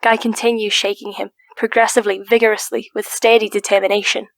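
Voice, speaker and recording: A woman narrates an audiobook crime drama with a steady, flat delivery and a gravelly edge. It is close-miked in a dry, dead room. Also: mid-range voice, fast, no room sound. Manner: even, steady reading. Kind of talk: scripted narration.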